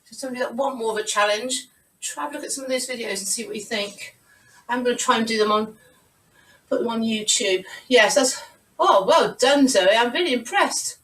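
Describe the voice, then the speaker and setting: Teaching a live online Pilates class from a room at home, a woman encourages her students and counts reps aloud. Her fairly high, fairly bright voice moves a little fast, and the video-call sound is roomy and distant.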